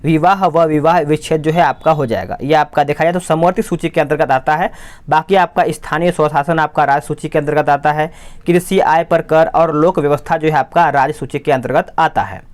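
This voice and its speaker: Fast-talking man quizzing himself. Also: a little high, steady tone. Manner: quick, repetitive explaining, asks and answers himself. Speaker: exam-prep tutor. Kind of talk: quiz answer walkthrough.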